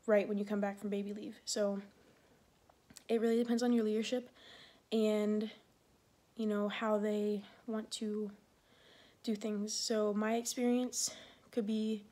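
A woman's voice: medium pitch, level tone, unhurried, warm tone. A pregnant woman in her twenties who serves in the Air Force, chatting casually in a rambling vlog, full of fillers and a little short of breath.

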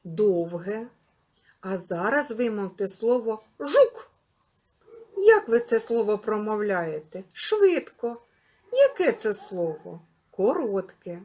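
Woman kindergarten teacher, husky, high-pitched, with bouncy, animated delivery for a preschool literacy lesson. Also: slow pace. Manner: lively, sing-song address to small children.

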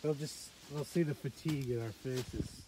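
A man's voice: mid-range voice, fairly even intonation, moderate pace, poor audio. A man chatting and joking playfully with a companion while filming a hike on a wooded trail. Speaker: hiker filming a trail vlog. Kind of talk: casual chat while hiking.

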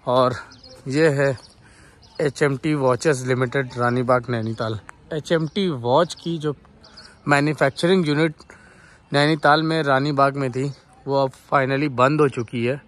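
A man's voice: mid-range voice, low-quality recording. A man in his thirties vlogging a road trip, pointing out views and places to viewers as he drives and walks outdoors, filmed on a handheld phone. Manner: enthusiastic, points things out to viewers. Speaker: travel vlogger. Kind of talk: casual travel vlog narration. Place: outdoors on hill roads and in a car. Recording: outdoor traffic and wind noise.

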